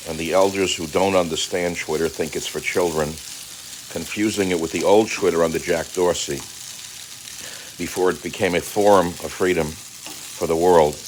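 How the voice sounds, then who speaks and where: An older man talking casually while he cooks in his home kitchen, rambling and combative, swinging between calm remarks and angry outbursts. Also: low-pitched, slight background noise, poor audio. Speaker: commentator. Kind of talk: casual monologue while cooking.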